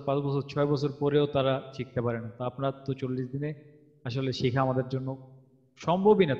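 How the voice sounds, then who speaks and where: A male recitation teacher talks through the rules with patience. He slows down to chant each verse as a model. His voice comes through a dull, muffled line and trails off with a long echo. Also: mid-range voice, darkish tone. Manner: explains patiently, chants verses slowly to demonstrate. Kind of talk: online tajweed lesson. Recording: dull audio with long reverb.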